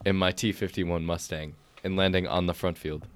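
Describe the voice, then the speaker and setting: A teenage boy co-hosting a casual podcast, laid-back and dry, his voice trailing quieter at the ends of thoughts. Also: low voice, steady tone, moderate pace, no echo. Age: teens. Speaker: podcast co-host.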